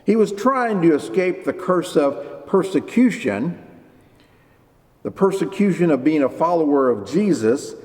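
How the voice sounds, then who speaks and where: A male pastor delivering a sermon with a widely swinging, animated pitch. He lifts his voice to act out quoted speakers and drops low for emphasis. The sound carries a long reverb from the church hall. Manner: lively preaching, acting out quoted voices.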